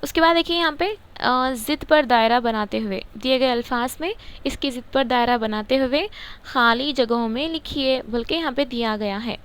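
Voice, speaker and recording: A woman's voice: fairly high pitch, fairly bright tone, clean tone. A woman explaining a grammar textbook in a casual lesson, asking questions and answering them herself. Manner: repeats words, asks and answers her own questions. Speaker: teacher.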